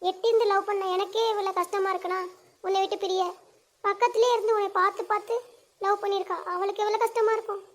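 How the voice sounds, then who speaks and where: A woman voicing a gentle lovesick cartoon girl. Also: extremely high pitch, steady tone, fast talker. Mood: sorrowful. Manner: soft, sorrowful.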